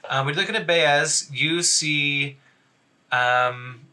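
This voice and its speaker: A man's voice: fairly high pitch, takes it slowly, pushed and bright. A man narrating as dungeon master, rambling loosely with many fillers. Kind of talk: narrating a tabletop game.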